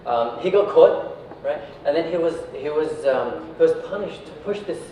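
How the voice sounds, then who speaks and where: A slightly high, mellow male voice with lively intonation moves at a moderate pace as this Iraqi company founder talks conversationally to an audience, checking in with tags like "right" and "yeah." The recording comes from afar in a reverberant indoor space, sounding dull with faint noise.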